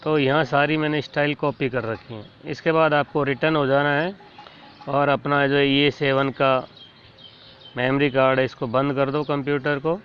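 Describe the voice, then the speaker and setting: A man's voice: medium pitch, little pitch movement, normal speed. Man giving a plain keyboard tutorial. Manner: plain, instructive, talks while demonstrating. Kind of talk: casual step-by-step tutorial. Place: indoors at a computer and keyboard. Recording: dull lo-fi sound with faint noise.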